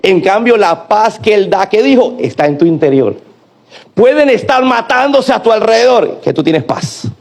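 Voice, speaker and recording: Male pastor, middle-aged, fairly high voice, preaches with call-and-response questions to the congregation. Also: sing-song, moderate pace, darkish tone. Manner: preaching, calling on the congregation to repeat and answer. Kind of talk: sermon.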